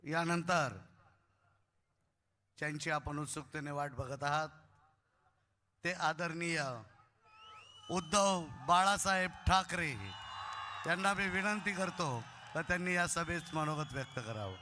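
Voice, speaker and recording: A man announces a rally speech over faint background noise. His voice is bright and fairly high. The delivery is deliberate and ceremonial, as from a stage announcer.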